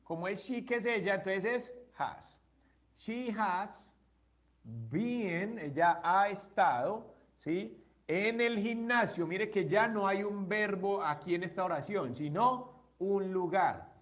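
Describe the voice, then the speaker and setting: A man's voice: high-pitched, animated, slow, fairly bright tone, lo-fi sound. A man teaching an English grammar lesson, explaining step by step and asking his students questions.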